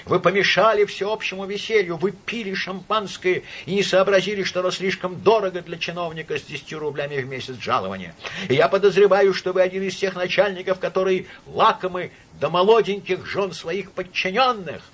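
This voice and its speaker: A man voicing a furious, drunk young newspaper writer who shouts accusations, with a husky voice. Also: high-pitched, a little fast, voice pushed up.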